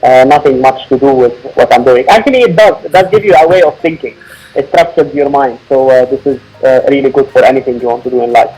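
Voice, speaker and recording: A man from Lebanon, founder of a company, explaining his product in a podcast interview with a measured, filler-laden manner. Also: mid-range voice, a little mellow, husky, rough recording. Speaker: founder and CEO guest.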